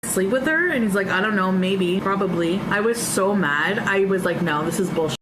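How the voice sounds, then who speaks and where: A woman's voice: medium pitch, steady tone, moderate pace, background noise. A woman casually recounting a personal story, chatty and blunt, swearing freely and laughing often. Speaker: storyteller recounting her past.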